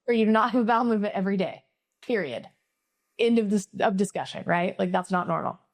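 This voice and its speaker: Speaking fast at a medium pitch, this middle-aged podcast host from Missouri keeps things chatty with frequent "like" and "right?" tags. She handles a casual interview and a closing sign-off, with no echo in the recording.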